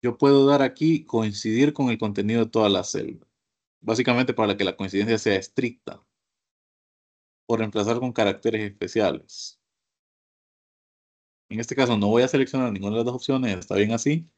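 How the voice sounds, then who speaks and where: Low-voiced man teaching software step by step. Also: moderate pace, long pauses. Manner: step-by-step, keeps calling the class to look. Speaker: computer course instructor. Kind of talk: screen-share software lesson.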